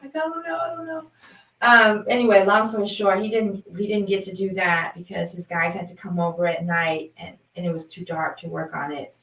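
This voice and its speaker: A woman in her fifties telling a personal story in a chatty, animated way, laughing along as she talks. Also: lowish voice, brisk, few pauses. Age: 50s. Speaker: sound healing host. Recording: roomy, from a distance.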